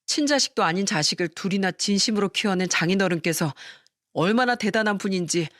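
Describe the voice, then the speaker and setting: A woman's voice: mid-range voice, expressive, a little fast, a bit bright, no room sound, studio quality, natural voice. A woman playing an earnest, polite son-in-law. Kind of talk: story radio acting.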